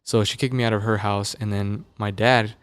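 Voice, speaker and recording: With a fairly low, smooth voice at a moderate pace, a young Las Vegas musician talks as a podcast guest, recorded with no echo. He's in a podcast studio on a dynamic studio mic. His casual interview storytelling is relaxed and loose, peppered with fillers.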